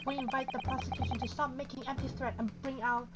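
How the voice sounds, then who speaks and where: Reading game dialogue aloud and reacting informally as if to herself, a woman streams from her bedroom with loud game music behind her. She talks fast in a high voice with a level tone.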